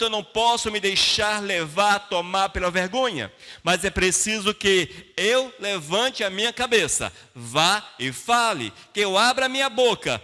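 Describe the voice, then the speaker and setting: With a high-pitched, pushed and bright voice, a Brazilian man preaches to a congregation as their pastor. His teaching relies on plain everyday language, rhetorical questions and short, emphatic phrases, all ringing with long hall reverb.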